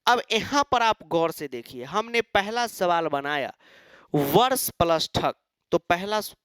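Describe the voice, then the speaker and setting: A man's voice: sits high, lively intonation, slow pace, fairly bright tone, clean tone, no echo, clean studio sound. A man teaching an exam-prep lecture, asking and answering his own questions and mimicking students.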